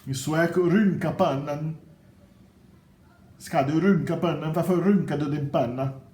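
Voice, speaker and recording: Speaking slowly in a mellow, somewhat high voice, this middle-aged language teacher with a Brazilian Portuguese accent runs an informal vocabulary video lesson. He's conversational, often finishing sentences with a quizzical "né?". Faint ambience and a roomy echo fill the background.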